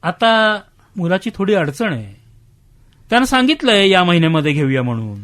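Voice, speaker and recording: A man playing a proud old man who defends his son. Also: normal speed. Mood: defensive. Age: older. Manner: defensive, lively voice that drops low and soft when hedging. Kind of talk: radio drama acting.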